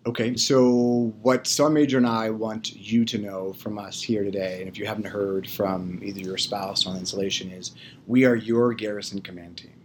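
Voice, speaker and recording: Army commander guy, kinda low voice, earnest, lays things out point by point, slight noise behind. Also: steady tone, moderate pace. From Maryland. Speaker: garrison commander. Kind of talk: roundtable discussion.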